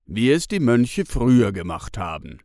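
A man reading a children's story, voicing a friendly, cheerful grown man in a warm, loud way. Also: medium pitch, very animated, measured pace, dry recording, clean studio sound. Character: friendly adult man, cheerful monastery tenant.

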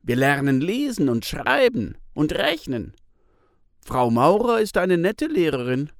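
A man's voice: a little high, sing-song, unhurried, gravelly, no room sound, clean studio sound, pitched above the performer's own voice, heavily acted. A man voicing a cheerful young schoolboy in a storybook reading, eager and enthusiastic.

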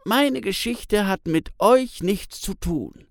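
A man voicing a troubled father who recalls a harsh childhood at school, with a halting, emotional delivery. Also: high-pitched, lively intonation, no room sound, clean studio sound, pitched above the performer's own voice, exaggerated voice. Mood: pained. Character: troubled adult father haunted by school beatings.

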